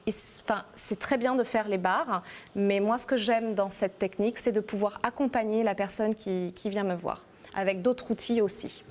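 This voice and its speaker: A woman's voice: mid-range voice, steady tone, moderate pace. A woman from New Caledonia, an energy healer, explaining her practice in an interview, with many fillers and restarts. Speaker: energy healer and massage therapist.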